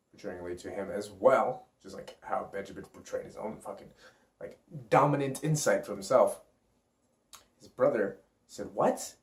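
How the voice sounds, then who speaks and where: A man's voice: lowish voice, darkish tone. A man who works as a self-awareness coach, talking in a rambling, profane, hyped-up motivational vlog. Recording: roomy echo.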